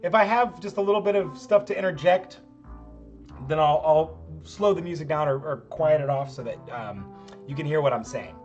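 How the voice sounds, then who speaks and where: In a screen-recorded lab tutorial, a middle-aged chemistry professor rambles casually and pokes fun at himself as his voice wears out. His voice is a little high and his pace moderate, with a muffled recording and soft music behind him.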